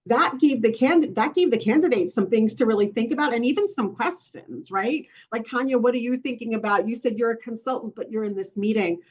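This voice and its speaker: A woman consultant speaking on an online panel. Her voice sits fairly high and comes through muffled, lo-fi call audio. She talks conversationally, thinking aloud with plenty of fillers. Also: a little fast, few pauses. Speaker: consultant and coach. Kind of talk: webinar panel answer.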